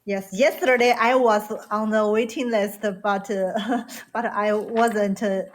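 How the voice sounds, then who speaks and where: With a mid-range voice and steady tone, a Chinese woman takes it slowly as she chats in English with a Chinese accent. She's a caller on a live English voice room, hesitating often and using plenty of fillers and restarts.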